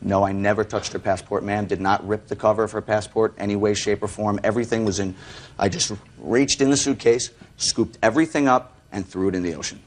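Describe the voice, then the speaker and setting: A man's voice: on the low side, steady tone, fairly quick. A man testifying as a litigant in a TV courtroom, indignant and self-justifying, with stiffly formal wording and hesitations.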